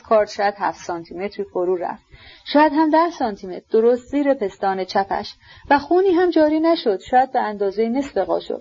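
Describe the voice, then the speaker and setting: A woman reading aloud, voicing a tense, brooding grown man in shock who talks hushed and then wildly. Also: a little high, lo-fi sound, voice pushed up.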